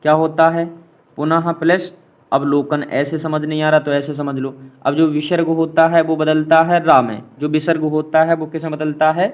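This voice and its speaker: A man teaching spelling for exams, going through answers and repeating each key point as a question he answers himself. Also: a little high. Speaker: exam-prep Hindi teacher. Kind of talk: classroom-style explanation of quiz answers.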